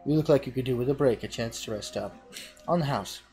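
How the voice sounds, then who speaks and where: A man's voice: medium pitch, fast, a little mellow, soft background music, close to an everyday voice. A man voicing a fretful innkeeper in a video game, reading the lines in an indignant, apologetic way. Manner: indignant, apologetic tavern talk. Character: fretful innkeeper bemoaning cursed cheese. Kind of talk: reading game dialogue aloud.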